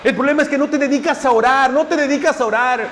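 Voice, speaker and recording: A man's voice: very high voice, fast, fairly bright tone, slight background noise. A man preaching a fervent sermon at a church service, speaking straight to his congregation. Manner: fervent, directly addressing the congregation as brothers.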